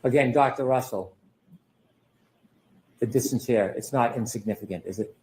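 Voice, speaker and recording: A man's voice: mid-range voice, normal speed, dark tone, rough recording. A man cross-examining a witness in a courtroom as a lawyer, pressing and sceptical, often ending statements with pointed tag questions.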